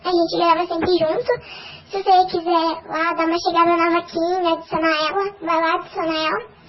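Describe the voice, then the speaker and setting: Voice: very high voice, flat delivery, a little fast. A vlogger chatting casually with lots of fillers, their voice run through a voice-changer app that makes it sound like a thin, childlike chipmunk. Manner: rambling, lots of fillers and restarts. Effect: voice-changer app giving a thin, childlike chipmunk voice. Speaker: vlogger promoting a friend's channel. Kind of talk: casual vlog chat. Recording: dull lo-fi audio with clear background noise.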